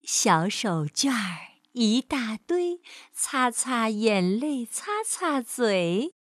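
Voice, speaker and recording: A woman voicing a caring mother mouse in a storybook, soft and soothing. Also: fairly high pitch, very animated, extremely slow, dry recording, clean studio sound, exaggerated voice.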